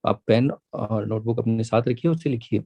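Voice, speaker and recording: A man teaching a math lesson, patiently repeating each point and stretching key words out slowly. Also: lowish voice, no room sound, lo-fi sound. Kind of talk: classroom lesson, mixing Hindi and English.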